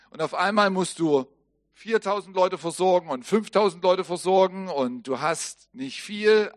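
A man preaching a sermon, telling the story in lively fashion and dropping to a soft, low voice for solemn moments. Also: no echo, clean studio sound. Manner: lively storytelling preaching, acting out quoted lines.

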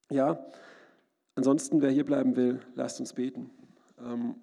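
A man preaching a sermon in a church hall, earnest and personal, with sudden loud cries. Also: mid-range voice, vocal fry.

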